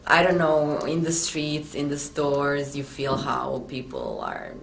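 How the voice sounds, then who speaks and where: Deep-voiced young woman from Croatia. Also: animated, takes it slowly, creaky, reverberant, slight background noise, low-quality recording. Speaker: intern. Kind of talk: interview answers to camera.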